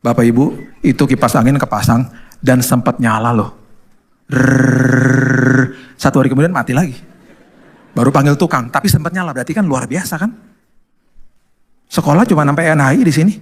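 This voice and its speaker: A male pastor telling a personal testimony in a conversational sermon, lively and acting out the voices of the people in his story. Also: medium pitch, fast talker, pauses often, slightly rough. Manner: animated storyteller who acts out quoted voices.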